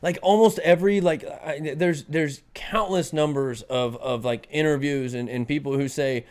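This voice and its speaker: Halting, slangy male podcast co-host. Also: on the high side. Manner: halting, repeats words, slangy. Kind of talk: casual chat.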